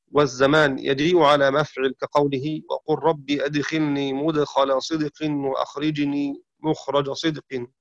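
A man teaching the variant readings of the Quran, explaining rules and slowly sounding out words to demonstrate pronunciation. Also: fairly high pitch, dry recording, dull audio. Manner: explanatory, slows down to sound out words, self-correcting. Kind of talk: religious lesson on recitation variants.

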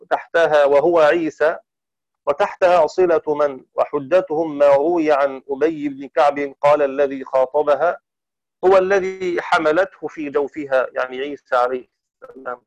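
A man teaching variant Quran readings, deliberate and methodical, slowing down to intone the quoted verses. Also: fairly high pitch, no echo. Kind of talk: explaining variant Quran recitations. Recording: dull dry lo-fi recording.

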